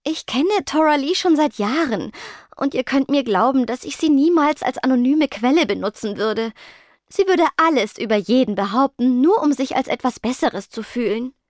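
A woman voicing a shy, nervous teenage ghost girl who speaks softly and stammers. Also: sits high, expressive, moderate pace, dry recording, clean studio sound, voice pushed up. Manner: soft, stammering, timid.

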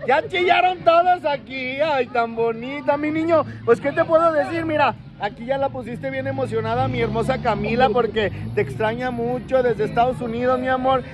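A man with a Mexican accent working as a party clown in the street, loud and teasing, often shouting jokes at people around him. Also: extremely high pitch, normal speed, hardly any pauses. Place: outdoors on a busy street. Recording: dull street recording with a loud crowd.

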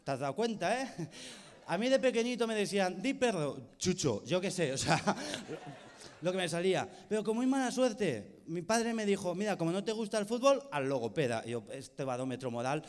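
A man doing stand-up comedy with an exaggerated speech impediment, mangling his R and S sounds, and joking at his own expense with quick asides and tag questions. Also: high voice, animated, in a large hall. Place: stage in a comedy venue with audience.

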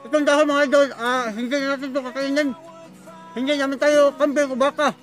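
A high, bright man with a Visayan Filipino accent, chatting to his viewers with his mouth full as he chews. His tone is chatty and direct. Faint music plays softly under his voice. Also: flat delivery, brisk. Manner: chatty, addresses viewers as idols. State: chewing food. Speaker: mukbang vlogger. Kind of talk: casual chat to viewers.

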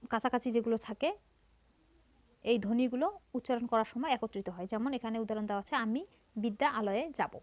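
Woman, teacher, patient grammar lesson, repeats points, highish voice, dry recording. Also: darkish tone, no echo. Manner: patient, explains each point slowly and repeats it.

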